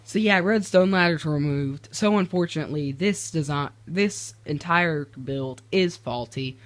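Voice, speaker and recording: A man's voice: a little high, a little slow. A teenage boy casually commenting on his game builds, rambling and restarting his sentences, easily exasperated. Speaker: gaming video creator.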